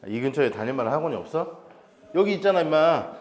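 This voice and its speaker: A man's voice: on the high side, reverberant. A man teaching science to a small group in Korean, quizzing students often and repeating check-in questions. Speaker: science tutor. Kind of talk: classroom teaching.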